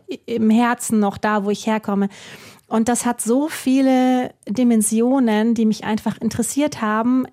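A woman's voice: medium pitch, dark tone. A woman from Baden-Württemberg, an author answering interview questions thoughtfully, musing aloud with rhetorical questions.

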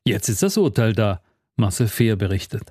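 A man presenting the sports news on the radio, reading in a crisp, even newsreader manner from a studio. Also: on the low side, normal speed, no echo. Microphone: close studio mic.

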